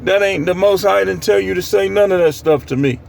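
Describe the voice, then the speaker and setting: An American street preacher with a high, gravelly voice talks a little fast, delivering informal, plain-spoken admonitions on scripture and repeating phrases for emphasis. There's slight hiss or hum on the recording.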